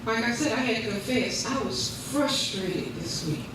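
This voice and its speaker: A woman's voice: fairly high pitch, lively intonation, moderate pace. Woman revival preacher in an echoey hall. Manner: declarative, with repeated phrases and praise interjections. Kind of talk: revival sermon. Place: large indoor room at a church service. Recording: echoey church hall, distant mic, noisy.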